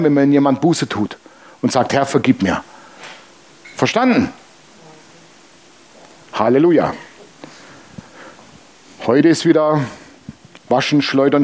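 Fervent, joking pastor, slightly high voice. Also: male voice, darkish tone. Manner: fervent, joking, speaks straight to listeners. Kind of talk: sermon.

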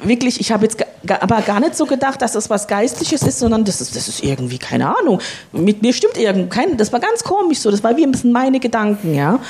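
Woman giving a halting, emotional testimony. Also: a little high, big pitch swings, a little mellow, a little hiss or hum. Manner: emotional, halting, with many fillers and restarts. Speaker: church member giving a testimony. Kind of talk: spontaneous personal testimony.

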